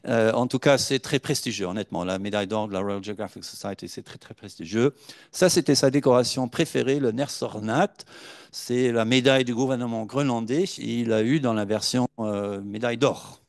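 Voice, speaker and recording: A man's voice: medium pitch, a little fast, gravelly, dry recording, studio quality. A man giving a university conference talk from slides, hesitant and full of filler sounds as he tells anecdotes. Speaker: lecturer.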